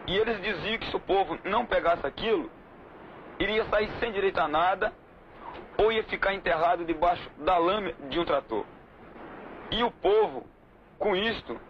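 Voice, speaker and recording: High-pitched man giving measured testimony. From Trindade, Brazil. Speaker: community spokesman. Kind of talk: interview testimony. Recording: muffled 1979 film audio, faint hiss.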